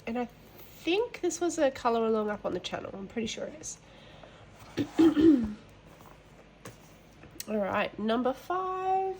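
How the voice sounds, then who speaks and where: This adult woman, a mother of boys, presents her home colouring channel in relaxed show-and-tell chat, drifting into rambling, apologetic asides, her voice nasal from hay fever. She sounds expressive and mellow, on the high side, unhurried and pausing often, with a little hiss or hum.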